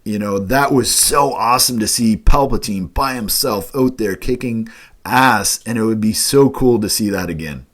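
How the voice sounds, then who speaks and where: A man's voice: lowish voice, moderate pace, a bit bright. Enthusiastic male fan host. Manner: enthusiastic, loose with fillers. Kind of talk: casual chat.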